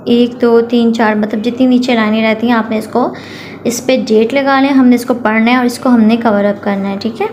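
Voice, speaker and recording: A woman's voice: fairly high pitch, steady tone, a little fast, a little mellow, slight background noise. A woman teaching nursery children Urdu phonics in an online class, patiently sounding out syllables and checking in with a sing-song "okay". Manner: sing-song rising "theek hai" checks.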